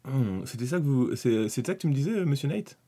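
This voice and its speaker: A man's voice: medium pitch, animated, fast talker, warm tone. A man chatting casually through a live stream about hobby miniatures, thinking aloud, rambling, with many fillers and restarts. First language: French.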